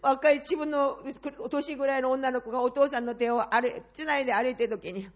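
Impassioned high-voiced woman preacher. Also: fairly even intonation, brisk. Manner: impassioned, swings between hushed and loud. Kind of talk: sermon. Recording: slightly dull lo-fi sound.

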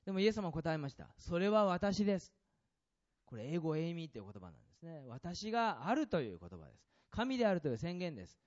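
A male pastor preaching to his congregation with a very animated, rising and falling voice, pitched a little high for a man. He asks the listeners questions and moves between loud and hushed passages. The sound is dull and lo-fi. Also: rapid-fire, few pauses. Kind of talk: sermon.

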